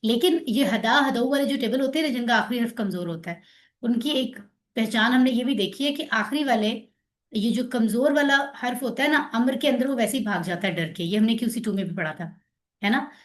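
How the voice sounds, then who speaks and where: A woman teaching Arabic grammar in an online class, patiently drilling verb forms and repeating them slowly. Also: on the high side.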